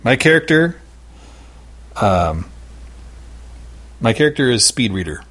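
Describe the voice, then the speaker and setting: A man's voice: medium pitch, very animated, slow pace, a bit bright. A man talking as a panelist on a casual podcast, rambling and hesitant with many fillers.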